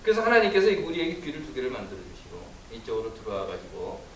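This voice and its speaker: A man, a pastor giving a Sunday sermon, telling stories and acting out quoted voices with sudden jumps in pitch and loudness. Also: wildly swooping pitch, fast talker. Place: church sanctuary. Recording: roomy echo from a distant mic, faint hiss.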